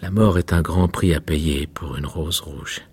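A man's voice: rumbling low, a little slow, a little mellow, slightly rough, heavily acted. A man voicing a small lovesick nightingale, earnest and imploring, as he reads a tale aloud. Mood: grave.

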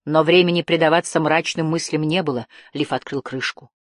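A woman narrating a fantasy story in a measured, expressive storytelling manner. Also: low-pitched, no echo, studio quality. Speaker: audiobook narrator.

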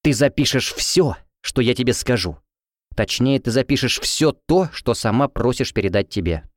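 A man voicing a sharp-tongued, irritable young woman who shares a room, speaking in a scolding, snappy way. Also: mid-range voice, lively intonation, normal speed, no echo, lightly acted. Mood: insistent.

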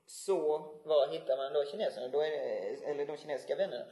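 A man's voice: on the high side, mellow, echoey room, low-quality recording. A man chatting casually as a podcast co-host, asking questions and thinking aloud with hesitations. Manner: asks questions, musing and hesitant. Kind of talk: casual chat.

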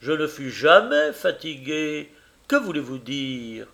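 A man's voice: fairly high pitch, huge pitch swings, slow, creaky, sharp tone, heavily acted. A man reading aloud, voicing a poor, doting old toymaker father who speaks cheerfully and reassuringly.

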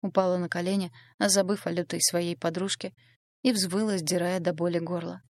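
Woman narrator, low voice, dry close sound, steady dramatic audiobook reading. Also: normal speed, no echo. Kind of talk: scripted first-person narration.

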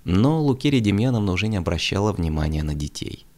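A man narrating an audiobook with steady storytelling. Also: sits low, fast. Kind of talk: audiobook reading.

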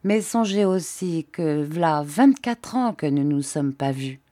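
A woman puts on a plain-spoken older countrywoman, a servant who clips her words in a rustic way. Her voice is low and slow, close and dry. She sounds devoted and direct. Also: animated, warm tone, dry recording. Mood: candid. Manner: rustic dropped syllables. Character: older female farm servant, blunt, affectionate.

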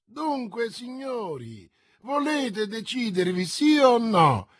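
A man's voice: high-pitched, big pitch swings, unhurried, a little mellow, dry recording, pitched above the performer's own voice, full character voice. A man doing a barking, arrogant guard captain. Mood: menacing. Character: arrogant male guard captain, impatient and hostile.

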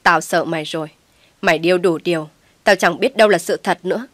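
A woman voicing a furious older mother-in-law who shouts and scolds harshly. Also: medium pitch, lively intonation, moderate pace, dry recording, lightly acted. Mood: scornful shouting.

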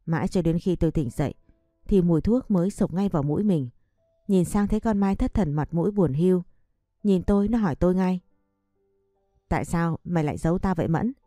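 A woman's voice: on the low side, a little fast, warm tone, no echo, clean studio sound, soft background music. Woman narrating a first-person story.

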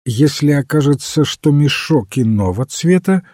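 A man's voice: on the high side, lively intonation, unhurried, mellow, no room sound, studio quality, pitched above the performer's own voice. A man voicing a mild, earnest little priest detective in a storybook reading, eager and lifting his voice.

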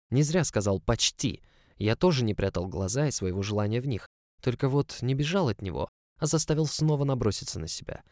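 A man's voice: lowish voice, a little mellow, dry recording. A man narrating a story in the first person, in an intimate, close storytelling manner. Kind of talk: audiobook narration.

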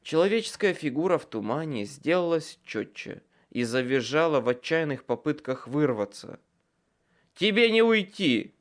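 A man's voice: a little high, expressive, moderate pace, hardly any pauses. A man reading a first-person audiobook with tense, dramatic storytelling. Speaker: audiobook narrator.

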